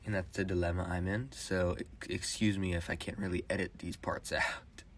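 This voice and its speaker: Low-voiced young man rambling into his phone. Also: level tone, slight background noise. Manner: halting, with restarts and fillers. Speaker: vlogger. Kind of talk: rambling personal monologue. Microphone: phone voice memo.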